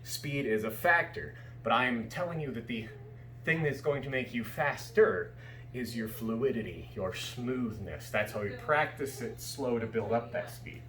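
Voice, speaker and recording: In an echoey room with some background noise, a male fencing instructor explains technique casually at a measured pace, frequently making sure his students keep up. His voice is medium in pitch and a touch bright.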